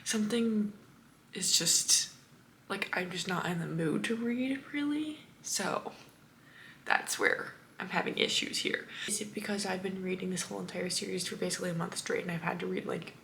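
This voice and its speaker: A woman's voice: fairly low pitch, gravelly, fairly bright tone, a little hiss or hum. A young woman in her twenties chatting casually in a reading vlog, gushing and filler-heavy. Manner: chatty and gushing, full of "like" and "literally". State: slight lisp from a retainer. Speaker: book vlogger.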